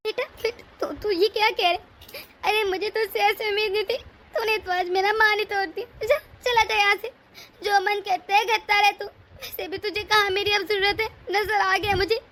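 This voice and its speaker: A stingy, domineering old mother-in-law rules the house in this cartoon story, voiced by a woman. Her voice sits very high and sounds bright and piercing. She scolds, commands, and sulks theatrically. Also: a little fast, few pauses. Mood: wounded, tearful. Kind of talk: cartoon voice acting.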